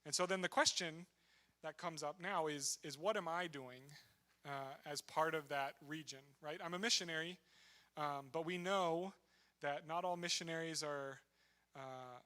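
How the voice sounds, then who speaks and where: A man's voice: a little high, a little slow, pushed and bright. A man speaking as a missionary at a church, telling his story in a conversational, self-deprecating way. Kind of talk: church talk with testimony. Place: church sanctuary.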